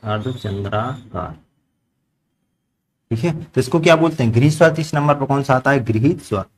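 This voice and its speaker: A man's voice: a little high, fast talker. A man teaching a grammar lesson to a class, asking the students questions and repeating their answers back. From India.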